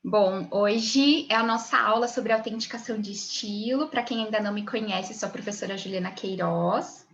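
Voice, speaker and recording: A woman's voice: medium pitch, moderate pace, hardly any pauses. A woman, teaching an online image consulting class over a video call. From Brazil. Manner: friendly greeting of students, then lecturing. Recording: dull lo-fi video call audio.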